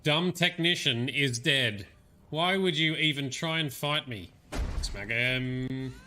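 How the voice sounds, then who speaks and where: An Australian gamer on a livestream swears and jokes casually as he plays. He speaks in a mid-range voice and takes his time. The recording is a noisy stream with video game audio behind him.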